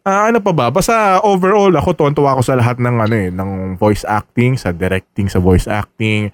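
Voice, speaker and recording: A man's voice: mid-range voice, fairly quick, no echo. A Filipino man co-hosting a podcast, chatting casually and animatedly. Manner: animated, quotes lines in put-on voices. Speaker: podcast co-host. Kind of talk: casual chat.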